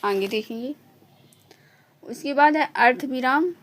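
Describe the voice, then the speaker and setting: A woman teaching an online lesson, explaining each point slowly and repeating it, checking in with a short "okay" after almost every sentence. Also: high voice, fairly bright tone.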